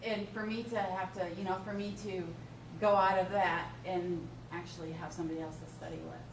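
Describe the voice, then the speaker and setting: Young woman from minnesota introducing herself, kinda low voice, noisy room. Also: flat delivery, fairly quick. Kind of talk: informal self-introduction. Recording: distant mic, echoey room, noisy.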